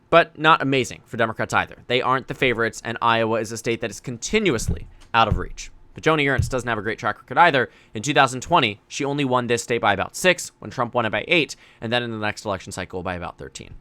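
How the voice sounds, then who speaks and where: A young man hosting a solo election analysis show, talking quickly and energetically, often correcting himself. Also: mid-range voice, dry recording. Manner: rapid, energetic, self-correcting analytical talk. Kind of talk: solo political commentary.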